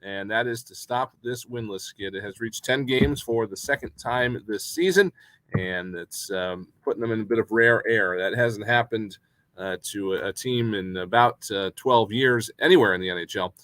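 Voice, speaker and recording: A man's voice: on the low side, moderate pace, a bit bright, no echo. A man hosting a hockey pregame show, chatting casually with many fillers. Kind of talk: casual sports chat.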